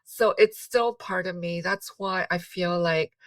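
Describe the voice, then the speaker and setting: A middle-aged woman, a mother of grown children, talking as a podcast guest in an animated, chatty way with bursts of laughter. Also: lowish voice, dry recording, distant mic. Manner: animated, quick bursts, frequent laughter and "you know". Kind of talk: casual conversation.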